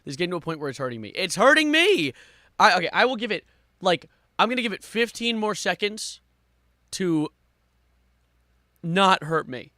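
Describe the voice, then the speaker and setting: A man doing live stream reaction commentary with exasperated, sarcastic complaining, moving between muttering and louder outbursts. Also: sits high, expressive, moderate pace, long pauses, no room sound, studio quality.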